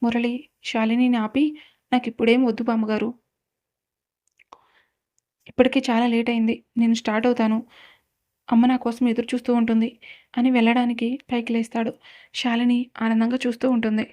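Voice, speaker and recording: Woman storyteller, fairly high pitch, mellow and flat, reads narration and dialogue alike. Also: fairly quick, pauses often.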